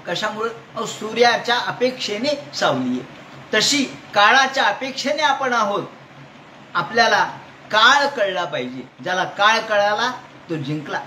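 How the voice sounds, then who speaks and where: In an echoey hall with faint noise, a man with a high, sharp-toned voice gives a Bhagavata devotional discourse. He chants scripture verses, then explains them while asking his listeners questions.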